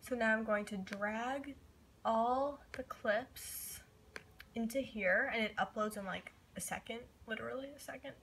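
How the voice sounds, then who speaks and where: A woman's voice: on the high side, unhurried, a bit bright, slight background noise. Give me a young woman vlogging on a phone camera, chatty and rambling. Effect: recorded on a phone. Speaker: YouTuber. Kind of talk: casual tutorial vlog. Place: sitting on her bed at home.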